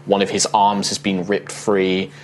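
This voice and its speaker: Low-voiced man narrating slowly. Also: monotone, a little hiss or hum. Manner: measured, atmospheric description. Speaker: game master. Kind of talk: narrating a tabletop role-playing game.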